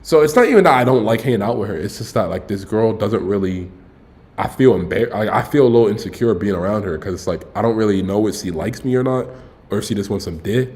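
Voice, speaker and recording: Fast and expressive, this lowish, somewhat mellow male voice belongs to a man in his early twenties. He's casually telling his stream audience a rambling story full of slang, self-corrections, and plenty of "bro" asides.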